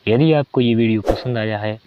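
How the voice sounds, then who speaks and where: Hindi-speaking man teaching grammar slowly. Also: fairly low pitch, background noise. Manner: slow and deliberate, drawn-out example words. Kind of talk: explaining a grammar lesson. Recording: dry, dull lo-fi sound.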